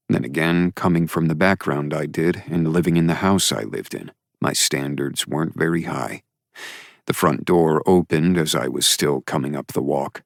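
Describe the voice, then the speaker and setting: Male romance narrator, very deep and gravelly, dry studio read. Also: no echo. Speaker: audiobook narrator. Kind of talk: first-person romance narration.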